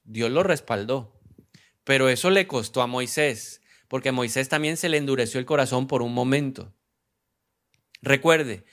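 A man preaching a sermon in a slightly raised voice. He poses questions to his listeners and answers them himself. He drops to a slow, deliberate pace to stress key words and bursts out loudly when he quotes. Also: a little high. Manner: acts out quoted lines with sudden loud outbursts; slows down to stress key phrases. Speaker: pastor.

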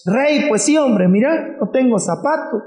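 A man's voice: very high-pitched, lively intonation, a little slow, a little mellow, voice pushed up. A man voicing a poor barefoot man who keeps pleading with a king for shoes, in an echoey hall. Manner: pleading, insistent.

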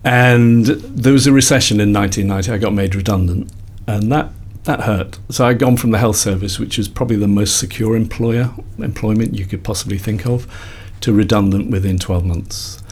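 A psychologist and company founder from Liverpool, England, now in his sixties, tells the story of his career during a laid-back interview. His lowish, darkish voice runs fairly quick with few pauses, and he wanders reflectively, often backtracking to correct himself.

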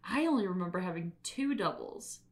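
A woman's voice: on the low side, lively intonation, fairly quick, a little mellow. A young adult woman co-hosting a podcast in casual chat, often laughing and swearing casually. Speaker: podcast co-host.

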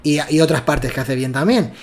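A man's voice: fairly high pitch, normal speed. A man from Spain with a Spanish accent, co-hosting a casual gaming chat, emphatic and swearing freely. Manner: emphatic, swears freely, says "tío" often. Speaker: podcast co-host. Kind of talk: casual chat about video games.

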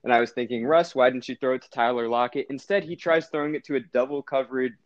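A man's voice: mid-range voice, fast talker, lo-fi sound. A man co-hosting a casual sports podcast, rambling and correcting himself as he talks through his team's season. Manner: rambling, self-correcting, animated. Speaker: podcast co-host.

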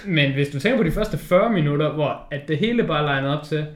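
Animated, swearing man in a roomy space. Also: a little high. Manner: animated, swears often, acts out scenes in quoted voices. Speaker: podcast co-host. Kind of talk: casual film discussion. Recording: roomy echo.

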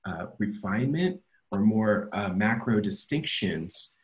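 A man with a fairly low voice hosts a relaxed podcast conversation. He explains his ideas in long, winding stretches and keeps checking in with his listeners as he goes. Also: a little slow, rough recording. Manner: explanatory, leans on tag questions. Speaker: podcast host. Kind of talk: casual chat.

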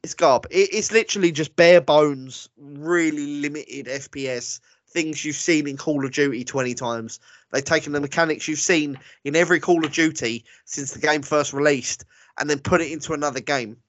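On his casual gaming podcast, a host with a fairly high, slightly bright voice talks at normal speed, bluntly dismissive and quick to laugh. The recording is dry, without room sound, and somewhat dull and lo-fi.

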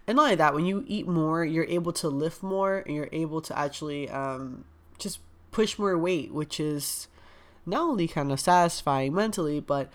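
Chatty and frank, a young woman wellness coach talks on a casual podcast through a blocked nose, leaning heavily on "like" and "um." She has a low voice and speaks at a moderate pace.

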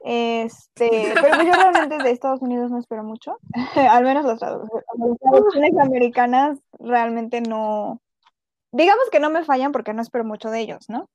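A woman's voice: fairly high pitch, normal speed, darkish tone, dry recording. Woman co-host, blunt reviewer, dry sound. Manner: frank, critical. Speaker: podcast co-host. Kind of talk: casual review chat.

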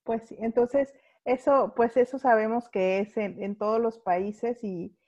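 A Mexican woman from Guadalajara hosting a casual podcast conversation, chatty and quick to laugh. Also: fairly high pitch, steady tone, warm tone, muffled recording. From Guadalajara, Jalisco, Mexico. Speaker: podcast host.

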